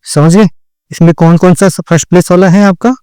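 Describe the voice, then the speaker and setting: A man teaching shorthand step by step, patient and slow, repeating each word and checking that his students understand. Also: high voice, fairly even intonation, warm tone, clean tone, no echo, clean studio sound. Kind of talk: step-by-step classroom explanation.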